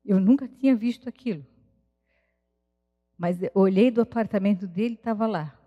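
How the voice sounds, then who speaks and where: A missionary woman gives an earnest, heartfelt sermon testimony with prayerful pauses at a church service. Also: mid-range voice, dull audio. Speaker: missionary preacher. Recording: reverberant church hall.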